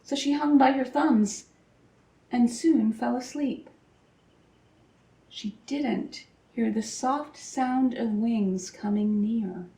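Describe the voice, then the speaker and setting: A woman reads a children's story with careful expression. Her voice is high and the pace is slow, picked up from a slight distance in a roomy space. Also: dark tone. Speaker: storybook reader. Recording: echoey room, distant microphone.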